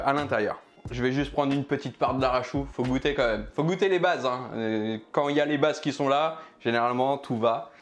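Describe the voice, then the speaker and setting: A man reviewing pizzas for his food vlog, chatting casually and joking while he eats. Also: a little high. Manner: chatty, jokey, eating while talking. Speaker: food vlogger.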